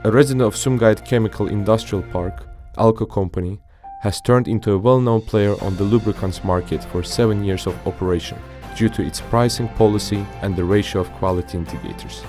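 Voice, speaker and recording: A male narrator reads an industrial report in a low, darkish register. The scripted delivery is formal and measured, with a faint music bed underneath.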